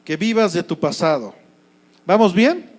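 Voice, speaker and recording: A man's voice: high voice, sing-song, unhurried. A male pastor with a Mexico City Spanish accent, preaching a sermon in a conversational way and often asking the congregation questions. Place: church.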